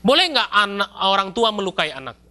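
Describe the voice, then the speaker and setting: A male pastor, preaching a sermon in a lively, storytelling way with casual slang. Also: high-pitched, a little fast. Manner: lively storytelling, acts out scenes with shouts and mock voices; casual colloquial Jakarta-style slang mixed in.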